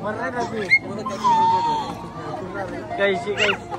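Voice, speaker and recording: A young man vlogging casually with his family, lively and teasing as he calls out to the people around him. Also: high voice, slow, loud music behind the voice, over a noisy crowd. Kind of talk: casual family vlog chat.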